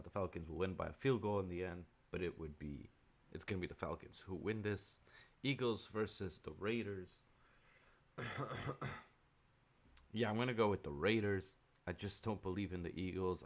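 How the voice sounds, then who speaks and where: Deep-voiced male sports vlogger, casual opinionated picks talk. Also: moderate pace. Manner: offhand, opinionated, with frequent ums and asides. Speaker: sports video host.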